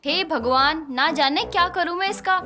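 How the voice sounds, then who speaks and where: A woman's voice: very high-pitched, normal speed, faint music behind. A fretful, scolding mother-in-law. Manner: worried, scolding gently.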